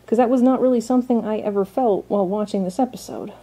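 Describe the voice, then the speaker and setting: A woman's voice: on the high side, fast talker, warm tone, husky. A woman giving a casual, opinionated episode recap and commentary, chatty with frequent restarts. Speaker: recap vlogger.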